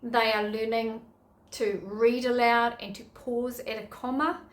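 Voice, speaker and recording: A woman's voice: on the high side, fairly even intonation, measured pace, roomy sound. A middle-aged woman, giving upbeat, chatty teaching tips to other teachers. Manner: chatty, upbeat, self-correcting.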